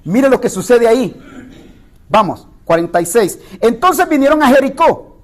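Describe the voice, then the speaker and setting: Male pastor, very high voice, teaching sermon, reads scripture with asides to listeners. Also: sing-song, moderate pace. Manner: rises in pitch when quoting the blind man's cry. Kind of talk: sermon, Bible study.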